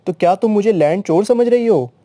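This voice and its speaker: A man voicing an anxious, stubborn young neighbor who shouts in arguments. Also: high voice, animated, a little fast, no room sound, voice pushed up. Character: anxious young male neighbor, touchy and hot-headed.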